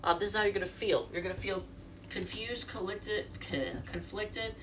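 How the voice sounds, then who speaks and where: With a medium pitch, fairly even intonation and moderate pace, an allergy-congested tarot reader from the United States chats and rambles to her viewers directly. The mic sits far from her, and background noise is audible.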